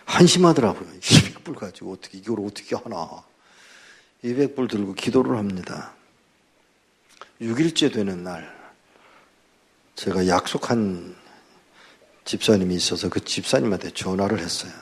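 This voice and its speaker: An older male pastor giving a testimony sermon, telling his story in an animated way and acting out the dialogue. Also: on the low side, moderate pace, long pauses, breathy edge.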